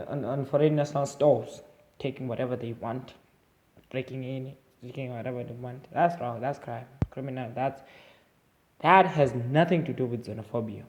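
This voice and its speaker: A man's voice: mid-range voice, a little mellow. A young South African man with an Eastern Cape accent, giving his opinions in a casual, rambling vlog monologue full of fillers and restarts. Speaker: vlogger.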